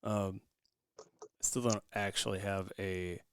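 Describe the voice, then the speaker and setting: Man, podcast host, casual chat, laughs a lot, smooth voice, dry close sound. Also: low voice, level tone, slow pace, no room sound. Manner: laughs often, loose with restarts.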